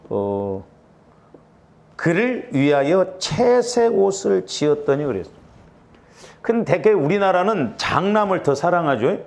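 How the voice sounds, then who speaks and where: Middle-aged male pastor, homespun anecdotal sermon delivery, slightly high pitch. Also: creaky. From Jeolla, Korea. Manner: folksy storytelling with asides and rhetorical questions. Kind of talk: conversational sermon.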